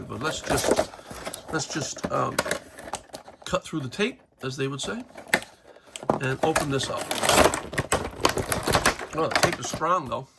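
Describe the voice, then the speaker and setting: A man's voice: mid-range voice, creaky, very noisy. A man casually talking through a toy unboxing in his home workshop, rambling with fillers. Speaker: toy collector vlogger.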